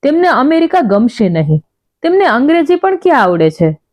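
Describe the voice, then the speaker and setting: A woman's voice: high voice, big pitch swings, a little fast, a little mellow, no echo, dull audio. A woman narrator voicing a careless, dismissive young mother. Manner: offhand, dismissive.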